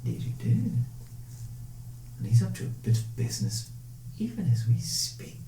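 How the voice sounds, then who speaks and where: A woman's voice: rumbling low, very animated, moderate pace, gravelly, heavily acted. A woman voicing a silky, manipulative fey patron who calls her charge darling, in an echoey room. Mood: purring. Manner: sweet, possessive, teasing. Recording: echoey room, faint noise.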